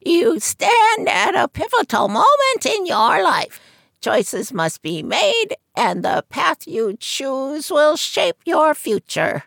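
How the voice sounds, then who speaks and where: A croaking old fortune teller, as a woman puts her on, mischievous and mysterious. She draws out each pronouncement slowly and theatrically, rising high and loud. The voice is gravelly and close, in a dry room. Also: very animated, dry recording, exaggerated voice. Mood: mystical.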